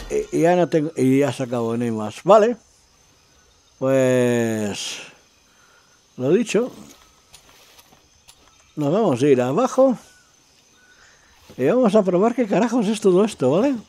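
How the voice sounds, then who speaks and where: A man from to match chats his way through a game, thinking aloud and reacting to what he finds. His voice sits a little high for a man and swings widely in pitch. The sound is close and dry, with no room around it. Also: dry recording. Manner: talks to himself and viewers while exploring, excitable. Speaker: gaming video creator. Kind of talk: casual gameplay commentary.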